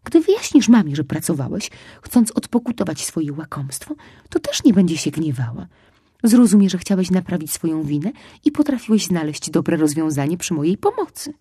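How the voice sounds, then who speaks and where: A woman voicing a brisk, clever female squirrel who gives firm, helpful advice. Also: fairly low pitch, sing-song, mellow, husky, no echo, studio quality.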